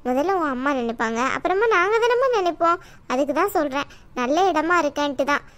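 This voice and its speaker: A woman voicing a chatty, pushy middle-aged auntie who insists on arranging a match in an animated story. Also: high voice, brisk. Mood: coaxing. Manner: coaxing, insistent, talks at length. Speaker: married neighbour acting as matchmaker. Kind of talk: cartoon voice acting.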